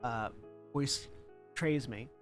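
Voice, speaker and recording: A man's voice: medium pitch, takes it slowly, faint music behind. A man, the show's executive producer, opening a live stream casually while his audio cuts in and out, so his volume keeps jumping. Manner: casual, thanks supporters. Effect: audio cutting in and out, uneven volume. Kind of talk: live-stream show intro.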